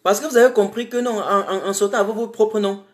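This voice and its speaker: A man's voice: sits high, steady tone, quick pace. A man from Cameroon, giving an emphatic, repetitive live-streamed political monologue full of rhetorical questions.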